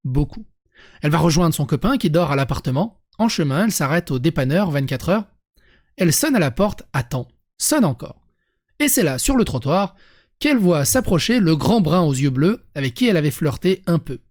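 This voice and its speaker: A streamer with a French accent reading an article aloud to viewers, breaking off for lively, sarcastic asides and restarts. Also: medium pitch, moderate pace. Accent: French (France).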